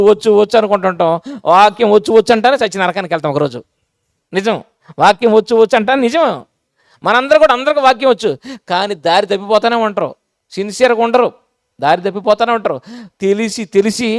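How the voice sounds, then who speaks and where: A man's voice: very high-pitched, no echo, clean studio sound. A male pastor preaching a sermon, conversational and repetitive, quizzing his listeners again and again with rhetorical questions.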